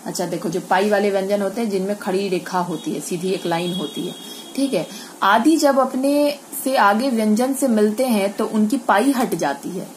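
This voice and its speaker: A woman's voice: medium pitch, moderate pace, a little hiss or hum. Woman teacher explaining grammar step by step. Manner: explains step by step, asks and answers own questions. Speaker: school Hindi teacher. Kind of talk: online grammar lesson.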